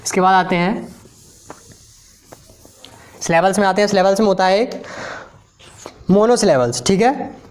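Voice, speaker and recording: Male teacher, slow drilling delivery, classroom explainer. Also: high-pitched, a little mellow. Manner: slow, repetitive, drills words one at a time. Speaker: English teacher. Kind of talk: explaining a lesson while writing on a board.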